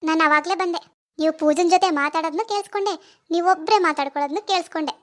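A woman voicing a nosy young daughter-in-law in an animated family drama, loud and pushy with accusing questions. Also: very high voice, very fast.

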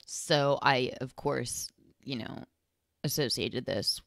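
Very low-voiced slow rambling woman. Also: creaky, no room sound, studio quality. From Texas. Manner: rambling, lots of fillers and self-corrections. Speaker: podcast host. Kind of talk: casual solo podcast monologue.

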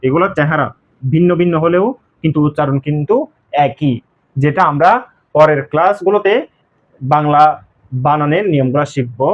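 Man drilling sounds, fairly high voice. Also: highs cut off. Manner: repeats sounds slowly with drawn-out drills. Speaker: pronunciation teacher. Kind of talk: classroom lesson at a whiteboard.

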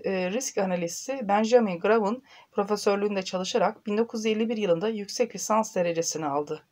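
A young woman hosting her own channel, reading a biography to camera from close to a phone indoors, with steady delivery and hesitant filler pauses. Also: mid-range voice. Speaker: channel host.

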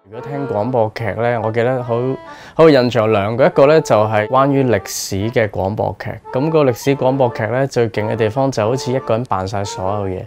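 A man in his forties with a Hong Kong Cantonese accent, a radio drama writer and performer, is interviewed in a small studio while music plays in the background. He talks casually and reflectively, at medium pitch and a little fast.

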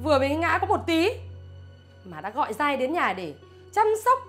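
A woman's voice: very animated, normal speed, a bit bright, soft background music. A woman playing a scornful, scheming mother-in-law who nags and wails melodramatically. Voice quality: shrill, scornful, melodramatic wailing. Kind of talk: web drama acting.

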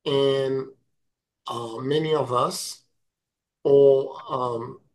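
Over a webcam video call from a home room with a virtual background, a middle-aged man teaches about spiritual practice. His mid-range voice is steady but nasal from a head cold, and he speaks slowly and deliberately, with many fillers and restarts.

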